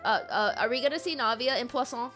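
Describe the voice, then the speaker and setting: A young woman streams a game with music playing in the background, giving casual live commentary. Her voice is on the high side and quick, and she's playful, chatty, and emotive, often repeating her words.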